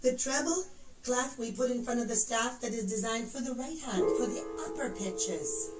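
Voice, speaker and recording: A woman with a fairly high voice, talking at a normal pace, runs a patient, encouraging piano lesson in which she demonstrates and counts notes. The indoor recording has room echo, a distant mic and faint piano in the background.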